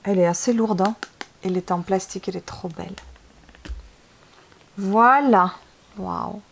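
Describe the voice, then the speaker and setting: A woman's voice: mid-range voice, unhurried, gravelly, slight background noise. A woman with a mid-range voice gushing over what she unpacks in a casual vlog. Her talk is enthusiastic and full of little hesitations. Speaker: beauty vlogger.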